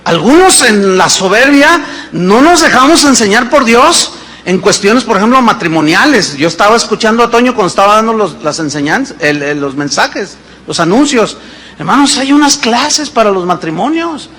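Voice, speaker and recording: A man in his fifties preaching a sermon as pastor, animated and full of rhetorical questions. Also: high voice, moderate pace. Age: 50s.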